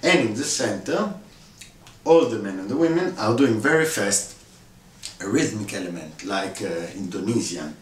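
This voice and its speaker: A man explaining a vocal score step by step, pausing often with fillers and acting out the sounds himself. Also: fairly low pitch, lively intonation. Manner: demonstrates sounds with his own voice, many fillers. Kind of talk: instructional walkthrough. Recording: echoey room, voice from far off.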